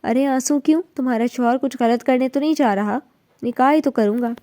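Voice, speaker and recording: A woman voicing a cold, curt young husband in a storybook reading, blunt and flatly dismissive. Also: high voice, no echo, lightly acted.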